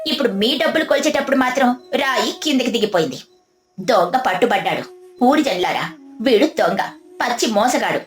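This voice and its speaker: A quick-witted young village wife, as a woman storyteller puts her on, pointed and needling. Her voice sits a touch lower than the narration. Roomy echo and soft music under it. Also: lively intonation, natural voice. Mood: triumphant. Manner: pointed, mock-polite, then scolding. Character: clever young village wife, bold and sharp. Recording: echoey, faint music behind.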